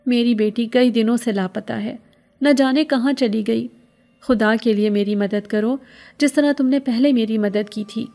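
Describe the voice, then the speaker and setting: A woman's voice: a little high, darkish tone, close to an everyday voice. A woman voicing an anxious, grieving widowed mother who pleads tearfully for help. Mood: pleading.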